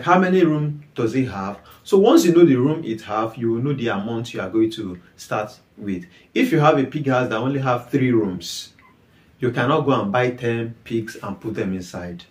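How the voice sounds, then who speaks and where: A young man with a Nigerian English accent, explaining livestock farming to the camera and asking his viewers many repeated, emphatic questions. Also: medium pitch. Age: young adult. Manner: repetitive questions, emphatic, gestures with hands. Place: small indoor room with bare walls. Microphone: camera at medium distance. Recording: echoey room.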